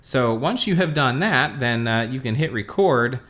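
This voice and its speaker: A man hosting a casual tech product review, talking through a demo in a relaxed way with many fillers. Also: mid-range voice, a little slow. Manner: relaxed, lots of fillers, talks while demonstrating.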